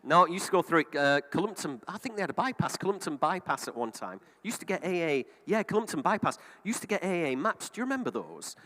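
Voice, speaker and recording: Bright-voiced British auctioneer in a reverberant hall. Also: male voice, fairly high pitch, big pitch swings, fast talker, few pauses. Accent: British English. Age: middle-aged. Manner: repeats bids in a running patter. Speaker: car auctioneer. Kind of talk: live auction bid calling with chatty asides.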